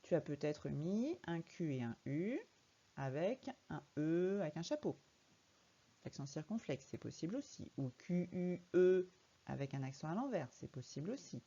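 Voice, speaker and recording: A woman's voice: sits low, sing-song, normal speed, dark tone, slightly rough, highs cut off. A woman teaching a young child to read in a recorded lesson, patiently spelling words out letter by letter. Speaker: primary school teacher.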